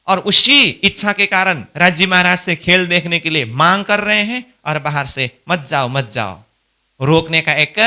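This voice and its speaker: A man with a high, very bright and sharp voice leads a devotional scripture class at an unhurried pace. He explains each verse by asking questions and then answering them himself, his tone smooth and crisp throughout. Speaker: spiritual instructor.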